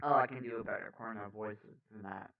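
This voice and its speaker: A man's voice: lowish voice, quick pace, creaky. A man, a political commentator, reading the news aloud with blunt, profane, sarcastic asides. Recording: dull lo-fi sound, off-mic.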